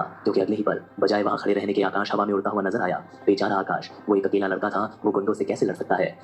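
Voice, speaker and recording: A man narrating a dramatic audio story in a brisk storytelling manner. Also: lowish voice, a little hiss or hum.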